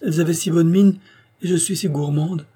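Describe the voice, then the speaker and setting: A man voicing a naive, frank young girl from a convent in an audiobook, lifting his voice higher. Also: steady tone, a little fast, slightly rough. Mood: eager. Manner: bright, higher girlish voice. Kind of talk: audiobook character reading.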